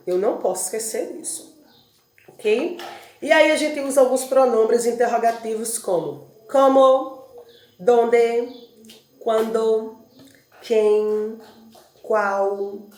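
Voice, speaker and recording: Woman teacher with a Brazilian accent, slightly high voice, deliberate patient delivery; reverberant room sound. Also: a little mellow. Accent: Brazilian Portuguese. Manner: slow, deliberate drilling of verb forms and lists; explains patiently, asks rhetorical check-ins. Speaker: Spanish teacher. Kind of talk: recorded classroom review lesson.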